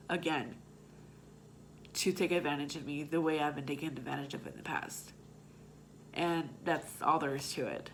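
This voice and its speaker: A young woman with a low-pitched voice talks straight to her viewers in a personal vlog. Her tone is bright and forceful, and she is raw and blunt, swearing freely as she speaks. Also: slight background noise. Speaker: vlogger.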